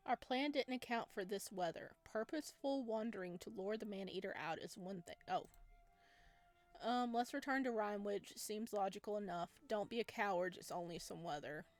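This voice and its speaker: Over game music, a woman game streamer gives chatty, playful commentary on a playthrough, reading lines aloud as she goes. Her voice is mid-range and her speed normal.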